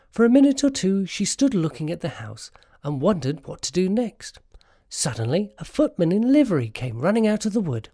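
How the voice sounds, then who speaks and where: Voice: mid-range voice, mellow, no echo, clean studio sound. A narrator reading a scripted story in an audio adaptation.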